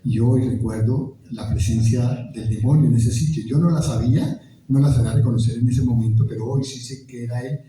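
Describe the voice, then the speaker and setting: A man's voice: mid-range voice, fairly even intonation, fairly quick, mellow. A Colombian man giving an emotional testimony at a conference, acting out the voices of the people in his story. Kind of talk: testimony talk. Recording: very echoey hall, from a distance.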